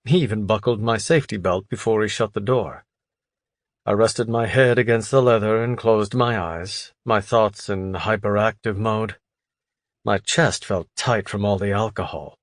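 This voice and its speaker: A man narrating an audiobook in a steady, even first-person storytelling voice. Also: fairly low pitch, normal speed, no room sound, clean studio sound. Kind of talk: scripted narration.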